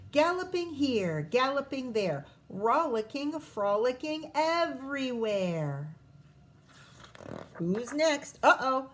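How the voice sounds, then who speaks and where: With a fairly high voice, a woman teacher reads aloud from a picture book for children. She's expressive and keeps stopping to prompt the little ones with questions.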